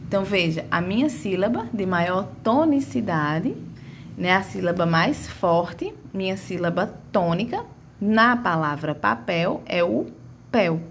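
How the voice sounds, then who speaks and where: Woman teacher, slow and sing-song, drawn-out example words. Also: medium pitch, expressive, slight background noise. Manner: stretches out and calls out example words. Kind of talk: grammar lesson.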